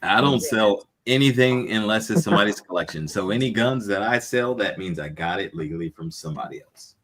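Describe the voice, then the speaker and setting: A man's voice: on the low side, a little fast, fairly bright tone. A man in a casual group chat, talking about his auctions in an easygoing, rambling way.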